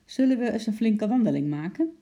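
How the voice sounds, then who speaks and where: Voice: mid-range voice, brisk, dark tone, natural voice. A storybook reader voicing a tired but kind father who speaks patiently. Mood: mild. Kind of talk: children's audiobook reading.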